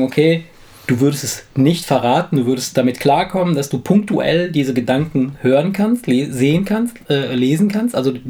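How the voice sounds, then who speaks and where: A man's voice: fairly high pitch, a little mellow. Man, podcast co-host, casual chat, rambling, restarts his words, laughs easily.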